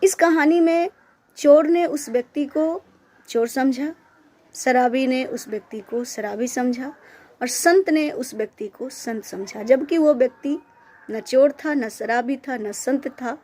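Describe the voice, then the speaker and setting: High-voiced, slow-speaking woman preacher. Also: darkish tone. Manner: explains verses through simple stories, voicing characters briefly. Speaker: Ramayana preacher. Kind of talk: devotional discourse.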